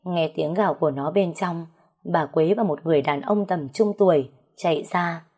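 Woman reading a sad story, kinda low voice. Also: normal speed, warm tone, husky. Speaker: narrator. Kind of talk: storytelling narration.

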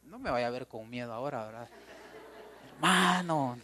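A man's voice: mid-range voice, animated, moderate pace, pushed and bright, a little hiss or hum. A man with a Guatemalan Spanish accent preaching a sermon in church, joking and talking straight to the congregation.

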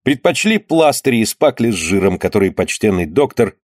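A man reading an audiobook aloud in a measured, steady narrating voice. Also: fairly low pitch, no echo, studio quality.

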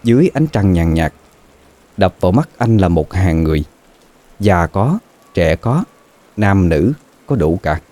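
A man narrating a scripted horror story in a slow, dramatic, suspenseful way. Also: low-pitched, big pitch swings, warm tone.

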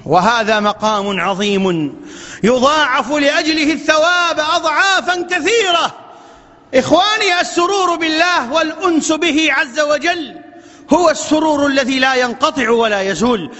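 Impassioned Iraqi preacher, high bright voice. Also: male voice, moderate pace. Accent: Iraqi Arabic. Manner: impassioned, swings between soft pleading and loud exhortation. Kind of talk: sermon. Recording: lo-fi archive recording with long hall reverb.

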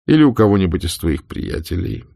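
A man voicing a wry grown man in an audiobook, drawling and gently mocking. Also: sits low, big pitch swings, a little fast, vocal fry, slightly rough, no room sound, clean studio sound, heavily acted. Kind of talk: audiobook character voice.

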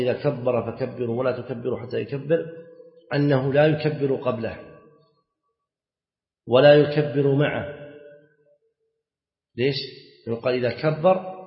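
A man, a sheikh, teaches a fiqh lesson at a mid pitch. He repeats each key phrase and throws questions to his students. The long echo of a big hall and a dull, lo-fi recording surround his voice. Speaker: sheikh teaching Islamic jurisprudence. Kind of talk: classroom lesson explaining a fiqh text. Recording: echoey hall, dull lo-fi sound.

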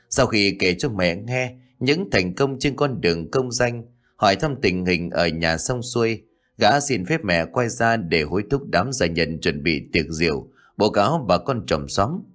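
A man narrating an audiobook story in a measured storytelling manner. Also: low voice, fairly bright tone.

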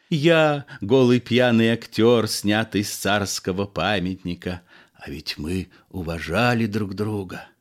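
A man voicing a theatrical, sentimental old actor who declaims his memories. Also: on the low side.

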